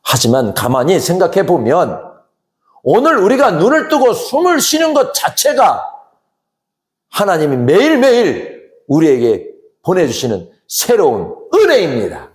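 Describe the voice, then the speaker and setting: A man as pastor, giving an earnest sermon that swells to emphatic rises and sinks to hushed drops. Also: sits high, wildly swooping pitch, a little slow. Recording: roomy echo.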